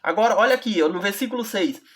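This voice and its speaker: A woman with a Brazilian Portuguese accent teaches a Bible study in an expressive mid-range voice. She reads the verses slowly and deliberately and often checks in with the listener.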